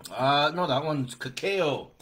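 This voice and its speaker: A man co-hosts a relaxed snack-rating chat, full of jokes and quick asides. His voice sits a little higher than most men's. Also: slight background noise. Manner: joking, quick asides, laughs often. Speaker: co-host. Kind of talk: casual chat, taste-testing snacks.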